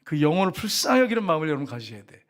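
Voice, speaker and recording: A middle-aged male pastor preaching a lively sermon, often calling out to the congregation and softly acting out prayers. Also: fairly high pitch, racing.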